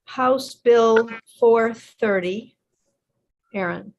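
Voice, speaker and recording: A woman's voice: fairly high pitch, drawn-out words, darkish tone, lo-fi sound. An American woman chairing a committee, formally calling for ayes and noes votes in procedural meeting talk.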